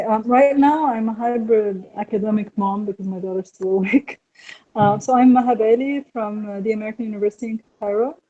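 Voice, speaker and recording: Warm-voiced woman on a video call. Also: fairly high pitch. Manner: quick, friendly, laughing asides. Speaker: faculty developer. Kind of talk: remote call-in chat. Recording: dull remote call audio.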